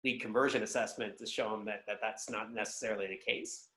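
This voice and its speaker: As an interview guest, a man who works as a sales executive and consultant explains business matters in a practical, conversational way. He speaks a little fast in a lowish, steady, pushed and bright voice, recorded with roomy, echoing pickup.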